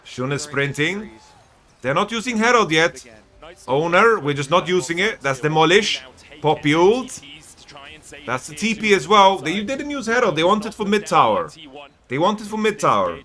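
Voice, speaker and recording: A man with a hoarse, worn voice reacts live to a tense esports match, talking to his chat and repeating his calls. His tone is bright and a little high for a man, and he keeps up a fast stream of loose reactions. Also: very animated. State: hoarse from shouting. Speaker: costreamer. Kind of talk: excited live esports co-commentary.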